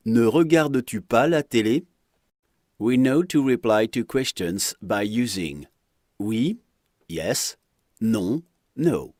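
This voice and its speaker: Slow, lively-pitched male French teacher. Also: no echo, clean studio sound. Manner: reads example phrases aloud with careful pronunciation. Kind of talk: slow scripted lesson narration.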